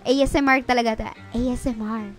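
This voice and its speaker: A young woman streaming a mobile game in casual commentary, loud, with sudden shrieks and swearing. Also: a little high, steady tone, fairly quick, faint music behind.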